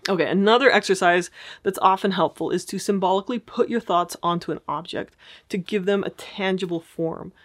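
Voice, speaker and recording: A woman's voice: on the low side, a little fast. A woman therapist teaching casually, explaining ideas in a friendly way and checking in with her listeners.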